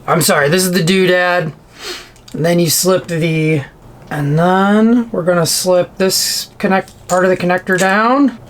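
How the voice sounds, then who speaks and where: This DIY vlogger has a mid-range, steady voice and talks a little slowly, giving relaxed, practical how-to narration while muttering to themself mid-task. Clicks and obvious on-site noise run through the recording.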